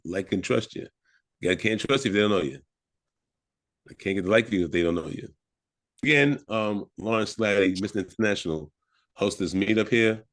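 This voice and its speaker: A man with a low-pitched voice runs an online networking meetup over a video call. He is friendly and calls on each attendee by name. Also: fairly bright tone. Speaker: meetup host.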